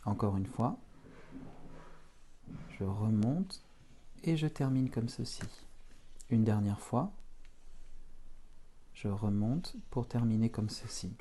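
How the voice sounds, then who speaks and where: A man teaching beginners to write letters, talking them slowly through each stroke. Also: lowish voice, mellow, a little hiss or hum. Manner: slow, step-by-step instruction. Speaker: Russian teacher. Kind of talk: handwriting lesson for beginners.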